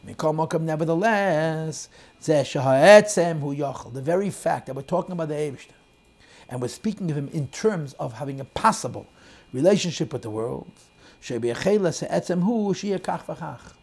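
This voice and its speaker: A man teaching a Chassidic text class, explaining in English sprinkled with Hebrew and Yiddish terms and shifting between loud and soft emphasis. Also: a little high, animated, normal speed. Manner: quotes and translates lines of text, swings loud and soft. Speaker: Torah teacher.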